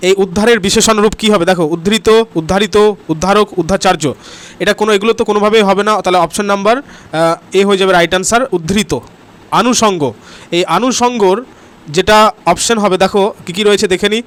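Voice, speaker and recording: A man's voice: high-pitched, a bit bright. A man from West Bengal teaching grammar in an online exam-prep class, talking straight to his students and checking "okay?" after each answer. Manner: repeats "ঠিক আছে?" and "next question" as checks and cues; talks straight to the students, urging comments and likes.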